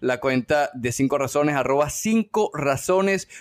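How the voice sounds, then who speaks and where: A man's voice: medium pitch, expressive, unhurried. A man hosting a sports podcast in a casual, jokey and teasing style.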